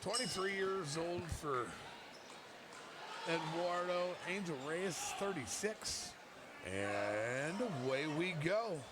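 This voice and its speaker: A man's voice: fairly high pitch, animated, takes it slowly, very noisy. A man giving live play-by-play commentary on a fight.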